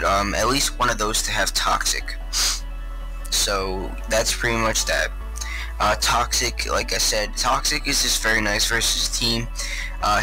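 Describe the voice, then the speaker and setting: Congested male gamer, lowish pitch, very bright tone, rambling casual breakdown of his team. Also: creaky, low-quality recording. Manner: rambling, filler-heavy explanation. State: congested from a cold. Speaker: competitive Pokemon player explaining his team. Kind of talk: casual gaming commentary.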